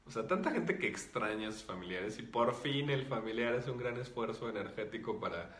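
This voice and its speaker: A man, a spiritual teacher calmly explaining and answering viewer comments. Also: mid-range voice, a little fast, reverberant. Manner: calm, explanatory, with many fillers.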